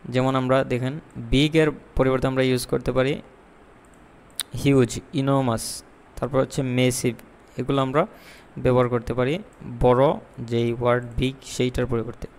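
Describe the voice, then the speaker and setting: A man with a smooth, resonant mid-pitched voice gives an IELTS speaking lesson. He explains in Bengali with English terms mixed in, and slows right down to read model sentences. His voice carries a long reverb, as if he is recording in a hard-walled room. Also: flat delivery, darkish tone. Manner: explains in Bengali, mixing in English words and slow example sentences; repeats key points for emphasis. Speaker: IELTS tutor. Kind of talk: spoken exam-tips lesson.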